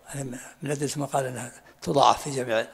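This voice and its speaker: A man, a sheikh teaching a text who breaks in with quick colloquial explanations and questions; gravelly, husky voice. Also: mid-range voice, fairly even intonation. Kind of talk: explaining and commenting during a text reading. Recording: long hall reverb.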